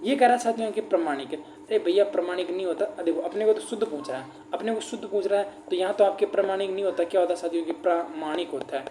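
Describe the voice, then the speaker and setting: A man's voice: high voice, fast, few pauses, warm tone. A male teacher leading an exam-prep grammar class, repeating rhetorical questions and calling his listeners friends. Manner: repetitive, keeps asking the class rhetorical questions; addresses listeners as friends and brother. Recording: roomy echo, faint background noise.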